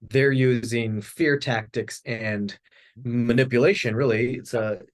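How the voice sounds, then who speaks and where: A man's voice: mid-range voice, unhurried. A man co-hosting a podcast, chatting casually, laughing often and retelling what others said. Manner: animated storyteller, laughs often, retells quotes. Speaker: podcast co-host. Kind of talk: casual conversation.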